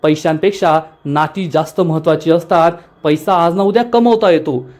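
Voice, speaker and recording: A man's voice: fairly high pitch, moderate pace, a little mellow, close to an everyday voice. A man reading the lines of a young working woman who earnestly defends her choice. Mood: earnest upset. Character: young woman employee, principled and upset.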